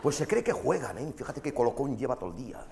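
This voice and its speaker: A man performing a brash, foul-mouthed stand-up monologue on a theater stage, mimicking voices and breaking into shouts. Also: mid-range voice, big pitch swings, fast talker, creaky. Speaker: stand-up comedian. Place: theater stage before a live audience. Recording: live stage recording with crowd and noise. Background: audience laughter.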